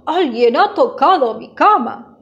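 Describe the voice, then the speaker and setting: A woman doing a booming, stern papa bear. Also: expressive, takes it slowly, muffled recording, full character voice. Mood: scolding. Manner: loud, grumbling declarations. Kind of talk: storybook voice acting.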